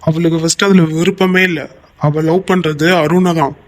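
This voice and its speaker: A man's voice: a little high, fairly even intonation, moderate pace, dry recording, natural voice. A man voicing a protective, hot-tempered young lover in a cartoon, defiant and emotional. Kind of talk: cartoon voice acting.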